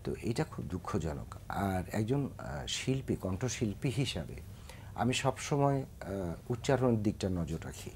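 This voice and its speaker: A man's voice: on the low side, sing-song, a little slow, a little mellow, a little hiss or hum. A man, a singer who is a guest on a Bangladeshi TV talk show, speaking earnestly about correct pronunciation, with a Bangladeshi Bengali accent. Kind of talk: studio interview.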